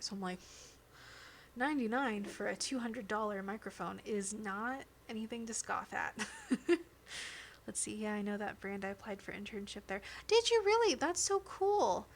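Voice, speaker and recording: Talking casually to her stream viewers, a woman wanders from thought to thought and laughs often. Close on a dynamic studio mic, her gravelly voice sits at an ordinary pitch over a faint background hiss.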